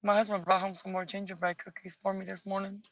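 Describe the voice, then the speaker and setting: A woman streaming from home, chatting casually and musing aloud as she colors, with a bit of rough morning voice. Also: mid-range voice, flat delivery, fast, lo-fi sound. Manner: muses aloud, picky and chatty, folksy asides. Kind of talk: casual chat while coloring. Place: home at night.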